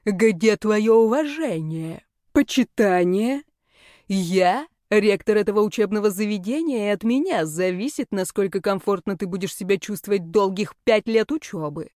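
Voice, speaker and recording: A woman voicing an arrogant, domineering aging male rector of a magic academy in an audiobook, speaking slowly and haughtily. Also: medium pitch, lively intonation, darkish tone, no echo, clean studio sound, natural voice. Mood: haughty, menacing. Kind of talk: audiobook character voice.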